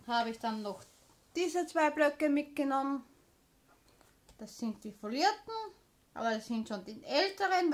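A woman's voice: sits high, a bit bright. A woman chatting casually as a vlogger, showing purchases in an informal, explanatory manner. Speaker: craft haul vlogger.

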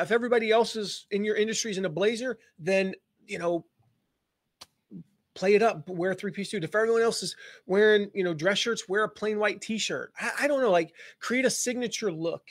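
The recording is echo-free, carrying a high-sitting male voice that runs a little fast. He's an online business coach from the American South, rambling and joking through a casual live-stream lesson packed with fillers and restarts.

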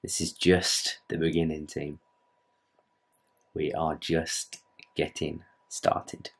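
With a bass voice full of vocal fry and a breathy edge, he speaks slowly in a level tone. This young British man in his twenties is a fitness vlogger, earnestly rambling to his camera late at night in his bedroom, with casual swearing and a British accent.

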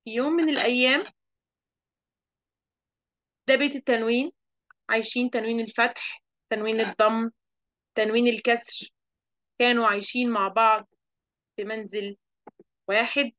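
A woman teacher with an Egyptian Arabic accent tells children a story in a lively way, asking them questions as she goes. Her voice sits a little high. The sound is dry and a little dull and lo-fi. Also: moderate pace, pauses often, no echo.

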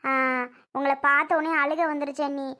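Tearful young wife , played by a child, high and bright, pleading. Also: flat delivery, fairly quick. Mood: sad. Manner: soft, pleading, apologetic. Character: tearful young married woman, gentle and pleading. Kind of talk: homemade family drama.

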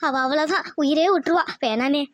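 A woman doing a wailing village mother, very high. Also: a little fast, natural voice. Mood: pleading. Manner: wailing, repeats her laments. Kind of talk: cartoon voice acting.

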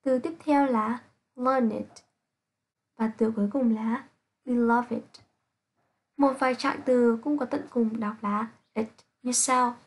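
Female english teacher, slow and careful delivery, fairly high voice, spells out sounds one by one. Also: steady tone. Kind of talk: pronunciation lesson for students.

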